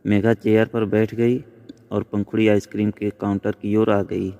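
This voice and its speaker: A man narrating a scripted story in a measured, plain storytelling manner. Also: fairly low pitch, level tone, creaky, dark tone. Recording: long reverb.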